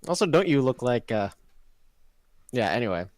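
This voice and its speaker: A man's voice: mid-range voice, very animated, normal speed, no echo, clean studio sound. A man chatting casually as a player in a tabletop game.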